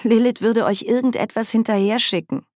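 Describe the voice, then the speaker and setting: A woman's voice: fairly high pitch, fairly quick, a little mellow, no room sound, clean studio sound, voice pushed up, lightly acted. A woman reading an audiobook, voicing a frightened young woman with a plaintive, worried tone. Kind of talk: audiobook character voice.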